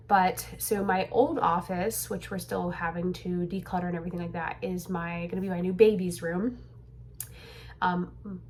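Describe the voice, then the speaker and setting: A woman's voice: mid-range voice, slight background noise. A young woman vlogging casually from a room at home, rambling with lots of fillers and slightly out of breath. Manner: rambling, chatty, filler-heavy. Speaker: crochet pattern designer vlogger. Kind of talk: casual vlog chat. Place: home room being cleared out.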